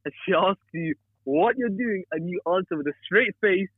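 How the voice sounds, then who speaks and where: A man's voice: high-pitched, lively intonation, moderate pace, breathy edge, dry recording. Man over a tinny line. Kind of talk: casual chat. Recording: tinny phone-line sound.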